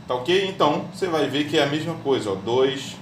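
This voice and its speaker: A man's voice: fairly high pitch, expressive, fairly quick, recorded from a distance. A man teaching a music theory lesson step by step, often checking in with his students. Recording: echoey room, voice off-mic, faint hum.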